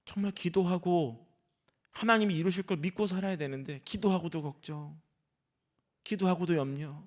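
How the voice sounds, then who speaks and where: A man, a senior pastor, preaching a sermon in an animated style, asking the congregation questions and acting out the voices in the story. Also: sits high, normal speed.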